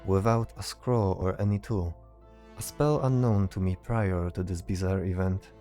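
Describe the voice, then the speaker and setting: In a fantasy audio drama, a low-pitched man voices a stoic, cryptic mage. He sounds calm and assured, using formal, deliberate phrasing.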